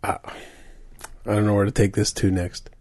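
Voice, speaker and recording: A man co-hosting a show, chatting casually about shopping items, haltingly thinking aloud as he browses and reads out product details. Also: fairly low pitch, level tone, a little mellow. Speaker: podcast co-host.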